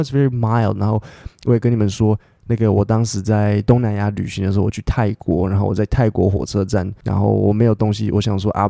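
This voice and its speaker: A man's voice: on the low side, gravelly, mellow, dry recording, clean studio sound. A man hosting a casual English lesson podcast, spelling words letter by letter and chatting with many fillers. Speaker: English teacher podcast host. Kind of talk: bilingual English lesson, reading news and explaining words.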